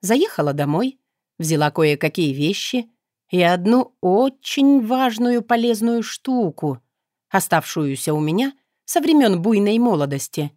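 A woman's voice: mid-range voice, lively intonation, unhurried, mellow, dry recording. A woman reading a first-person audiobook in a wry, conversational manner, close to the mic. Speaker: audiobook narrator.

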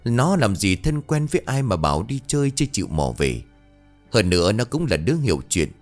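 A man telling a ghost story with a lowish voice that rises and falls expressively. His delivery is dramatic and measured, with faint music underneath. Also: very animated. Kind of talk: scripted ghost story narration.

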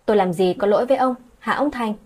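A woman's voice: medium pitch, quick pace, natural voice. Woman doing a furious scolding mother. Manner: scolding, sharp demanding questions. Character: hardworking middle-aged mother, furious and hurt.

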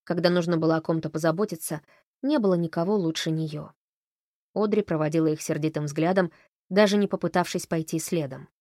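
A woman narrating an audiobook in an expressive, even storytelling manner. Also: sits low, fairly quick, no echo, studio quality. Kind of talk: scripted narration.

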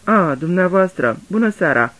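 A man voicing a nervous, hurried young Englishman in a radio drama reading, answering hastily and evasively. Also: sits high, expressive, a bit bright, pitched above the performer's own voice. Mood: flustered. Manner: hasty, evasive.

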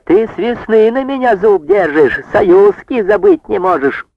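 A man's voice: sits high, lively intonation, normal speed, creaky, pitched above the performer's own voice, exaggerated voice. A man reading an outraged old village foreman. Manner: shouting in protest. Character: older male farm foreman, indignant and blustering. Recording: dull dry lo-fi recording.

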